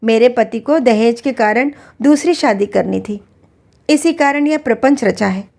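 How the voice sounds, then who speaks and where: A woman's voice: fairly high pitch, measured pace, vocal fry, a little mellow. A woman voicing a desperate young wife locked in an asylum who pleads urgently to be let out. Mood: pleading.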